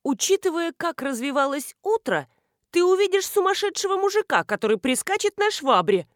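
A woman reading the lines of a bossy woman blogger who gives brisk orders, for an audiobook. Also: extremely high pitch, very animated, no echo, studio quality, voice pushed up. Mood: mocking.

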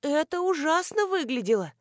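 A woman voicing a timid, jumpy woman housekeeper, with an excited, raised delivery, for an audiobook. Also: sits high, normal speed, no echo, studio quality, voice pushed up. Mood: shaky. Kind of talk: audiobook character reading.

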